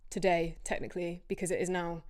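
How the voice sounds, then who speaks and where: Hosting her own casual solo podcast, a young woman chats in a rambling, self-deprecating way, tired from too little sleep. Her voice sits on the low side, level and a little mellow, and she speaks quickly into a podcast microphone.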